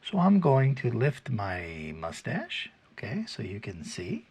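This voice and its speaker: A man with a standard American accent giving an informal pronunciation lesson, explaining patiently and haltingly step by step, with a slightly husky, gravelly voice. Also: medium pitch, huge pitch swings, darkish tone, a little hiss or hum. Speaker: pronunciation teacher. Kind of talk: informal instructional video, demonstrating English sounds.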